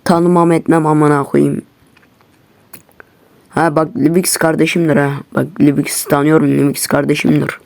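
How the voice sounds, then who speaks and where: A man vents to his channel's viewers in a fuming, profanity-laden rant. His voice sits somewhat high and has a gravelly, fried edge. The sound is close and dry, with no room in it. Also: level tone, normal speed, a little mellow, no echo. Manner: heavily profane, agitated ranting. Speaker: YouTuber. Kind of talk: angry casual rant to viewers. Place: at his computer.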